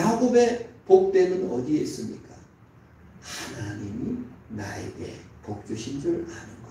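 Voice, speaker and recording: Male pastor, sermon, mellow voice, emphatic bursts, echoey church sanctuary, distant mic. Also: vocal fry. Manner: emphatic preaching with sharp rises in pitch and volume. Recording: very echoey church from far off, faint noise.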